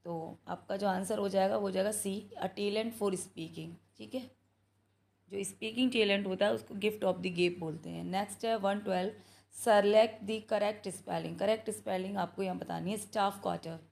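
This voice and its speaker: A woman tutoring for an English exam, reading out questions slowly and explaining each answer in a mix of Hindi and English, often checking in with "thik hai". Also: medium pitch, gravelly. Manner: slow, steady explaining, mixing Hindi and English, reads questions aloud. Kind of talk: exam practice lesson.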